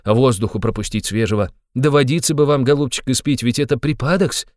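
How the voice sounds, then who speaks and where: A man's voice: medium pitch, fairly quick, darkish tone, dry recording, studio quality, close to an everyday voice. A man voicing a sly, fussy middle-aged male investigator who talks in a wheedling, fawning way with sly asides.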